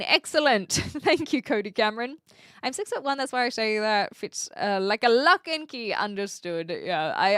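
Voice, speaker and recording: A woman's voice: medium pitch, fairly bright tone, dry recording, studio quality. A woman in her twenties with a mixed English-dialect accent with a New Zealand tinge, chatting casually and playfully on a live stream, reading out comments and replying with self-deprecating humour. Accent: mixed English-dialect accent with some New Zealand. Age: 20s.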